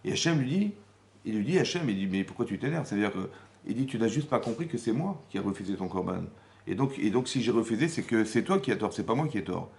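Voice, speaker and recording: A man giving a lively Torah class as rabbi, asking the room rhetorical questions and acting out the dialogue he explains. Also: on the low side, fast talker, vocal fry. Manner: animated, acts out quoted dialogue, rhetorical questions. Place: Paris community hall.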